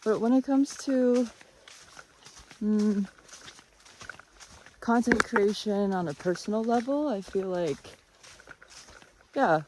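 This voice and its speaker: Someone musing aloud in a halting, casual way while walking through the jungle with a phone on a selfie stick. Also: mid-range voice, a little mellow, low-quality recording. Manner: unhurried, musing, halting delivery. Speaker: vlogger. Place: outdoors in the jungle by a river. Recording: outdoor phone audio with faint natural noise.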